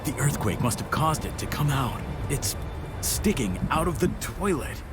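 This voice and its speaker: A man's voice: mid-range voice, expressive, normal speed, lightly acted. An actor playing a frightened man trapped at home with a monster, pleading in panic in a horror game. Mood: panicked. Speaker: game protagonist. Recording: game audio under loud music.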